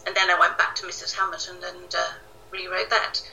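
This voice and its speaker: A Welsh woman, speaking as an author, gives casual, self-deprecating interview answers from her echoey home kitchen. Her voice is lowish, monotone, fairly quick and gravelly, with a pushed, bright quality. There's a little hiss or hum, plus a distant, tinny call sound.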